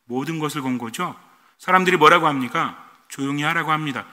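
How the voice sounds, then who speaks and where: Bright, animated preaching man. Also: a little high, a little fast, long reverb tail. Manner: animated, asks the congregation rhetorical questions. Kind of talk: sermon. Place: church.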